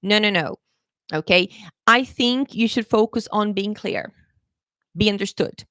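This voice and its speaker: In a live exam-prep lesson, a woman English teacher chats encouragingly, laughs a lot, drops playful pet phrases and keeps checking in with her viewers. Her medium-pitched voice is a bit bright and a little slow, recorded at studio quality without room sound.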